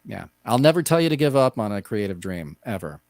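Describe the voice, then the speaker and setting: A man's voice: fairly low pitch, big pitch swings, brisk, creaky, darkish tone, no echo. A man from Texas co-hosting a casual podcast, bantering and joking with his co-host. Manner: jokey, playful banter.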